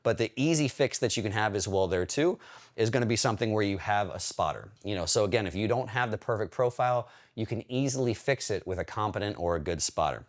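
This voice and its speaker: A man's voice: on the low side, lively intonation. A man working as a hypertrophy coach, casually breaking down a training video in a chatty, explanatory way. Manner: chatty, explanatory, talks while pausing and scrubbing video.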